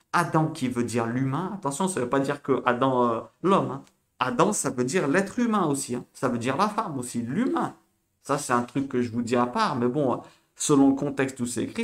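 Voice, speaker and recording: A man giving an informal online Hebrew lesson, chatty and lively, with playful sound effects and frequent checks on his listeners. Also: mid-range voice. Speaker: Hebrew teacher.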